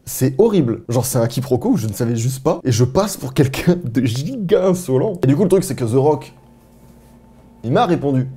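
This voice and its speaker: Mellow-voiced man telling crude anecdotes. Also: medium pitch, brisk, breathy edge. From France. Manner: animated, self-mocking, slangy and crude. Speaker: vlogger. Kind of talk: casual anecdote storytelling.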